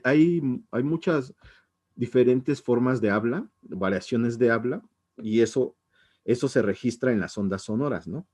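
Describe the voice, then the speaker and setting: A man's voice: fairly low pitch, a little mellow. A man teaching an introductory linguistics class, speaking hesitantly with many restarts and tag questions. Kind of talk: informal recorded lecture.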